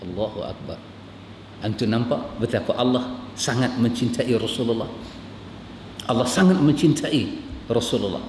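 A Malaysian man preaching a sermon as a religious teacher, his voice climbing with emotion and slowing to recite Arabic. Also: a little mellow. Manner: impassioned, pitch climbing as he retells scenes, Arabic recited slowly. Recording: echoey hall with long reverb, faint room noise.

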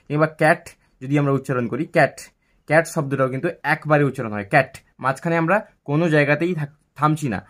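A man explains English grammar like a classroom teacher, speaking at a fairly high pitch. He poses a question, then answers it. He breaks example words into slow, separate syllables. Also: fairly bright tone. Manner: repeats words slowly, syllable by syllable.

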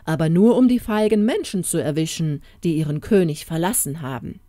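A woman's voice: deep voice, a little fast, warm tone, no room sound, close to an everyday voice. A woman playing a boastful stubborn old king, haughty and scolding, storybook audiobook, dry close voice.

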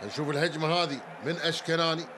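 An excitable man with a Kuwaiti Arabic accent calls a handball match live. His voice sits high, he often breaks into shouts and repeats the same phrase several times, and faint background noise runs underneath. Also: very fast. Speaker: handball commentator. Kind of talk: live sports commentary.

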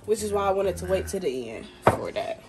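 A woman's voice: mid-range voice, a little fast. A young woman casually walking viewers through a recipe in her home kitchen, recorded close on a phone. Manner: relaxed, explaining steps to viewers. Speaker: vlog host cooking. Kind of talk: casual cooking demonstration. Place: small home kitchen, indoors. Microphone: phone camera held close.

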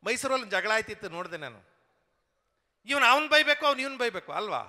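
A man tells funny stories on stage and plays every side of the quarrels himself. His voice sits very high and sounds sharp and bright, and it rings with a long reverb as if in a large hall. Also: sing-song, quick pace. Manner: acts out quarrels in many voices. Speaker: comedian. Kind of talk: stand-up storytelling.

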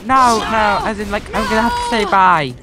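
A woman's voice: medium pitch, huge pitch swings, brisk, over loud music. A woman playing a game with friends, making dry, offhand jokes in casual chat. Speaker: gaming co-player. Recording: loud game gunfire behind. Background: game gunfire and ambience.

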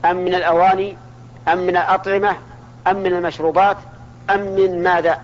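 A man's voice: high-pitched, little pitch movement, fast talker, slight background noise. A man teaching a religious lesson, asking his listeners questions and answering them himself. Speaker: Islamic scholar teaching. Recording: dull lo-fi archival recording.

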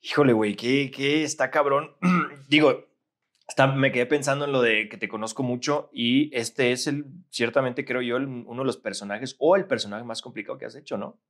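A man's voice: medium pitch, normal speed, fairly bright tone. Mexican man hosting a slangy chat. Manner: slangy, short reactions and questions. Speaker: podcast host. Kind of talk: casual interview chat.

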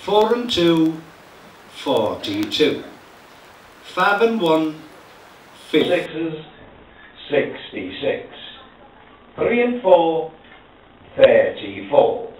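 A man's voice: fairly high pitch, big pitch swings. Echoey, distant male bingo caller. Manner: slow sing-song announcing of numbers. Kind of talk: bingo calling with rhyming number nicknames. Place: social club hall, heard from the audience tables. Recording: echoey club hall, distant lo-fi pickup, hiss.

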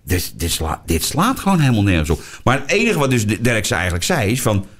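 Animated, crude Dutch podcast host. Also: male voice, lowish voice, fast talker. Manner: boisterous, crude, animated storytelling. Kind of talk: casual chat.

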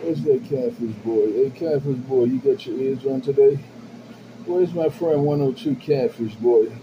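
A man chatting over a CB radio channel from his base station. His voice comes through muffled and lo-fi, with loud static hissing behind it. He keeps circling back to the same rhythmic call-outs and sign-offs. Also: mid-range voice, a little slow. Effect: CB radio transmission. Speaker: CB radio operator.

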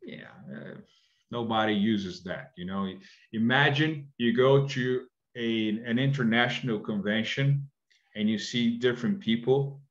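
Speaking a little slowly in a mid-range voice, a middle-aged man patiently walks students through an online English lesson, checking in often with "right?". The audio is dull lo-fi sound from a webcam indoors.

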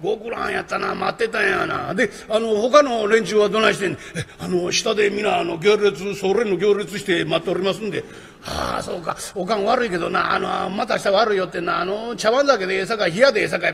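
A man's voice: sits high, creaky, fairly bright tone, full character voice. A man voicing a jovial, prank-loving wealthy patron who gives breezy orders in Osaka dialect. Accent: Kamigata Osaka dialect. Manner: breezy, commanding, playful.

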